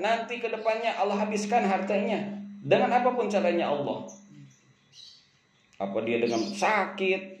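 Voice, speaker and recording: At a religious study gathering, an Islamic preacher delivers a sermon, chanting Arabic quotes and then explaining them in lively, casual speech full of street slang and acted banter. He swings between loud emphasis and low asides, in an echoey room with faint background noise.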